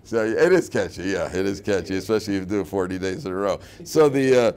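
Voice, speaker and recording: A man's voice: low voice, lively intonation, fast talker, darkish tone. A man speaking as a rabbi giving an informal Torah lesson, emphatic and questioning, repeating key phrases and often answering his own questions. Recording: clearly noisy room recording.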